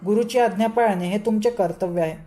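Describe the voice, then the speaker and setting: A woman's voice: mid-range voice, fairly quick, warm tone, lightly acted. A woman voicing an arrogant impostor holy man who is really a demon, boastful and commanding. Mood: angry.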